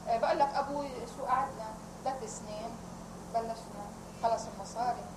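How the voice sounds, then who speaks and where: An older woman from Palestine recounting family memories in a rambling, animated interview. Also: fairly high pitch, fast talker. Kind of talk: oral history recollection. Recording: roomy, loud vehicle noise.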